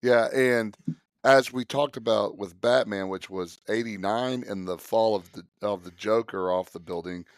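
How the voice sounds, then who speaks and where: A man co-hosting a casual movie podcast, chatty and relaxed, with a slight cough. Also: fairly low pitch, normal speed, no echo, studio quality. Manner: relaxed, chatty, acts out lines in quotes. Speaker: podcast co-host.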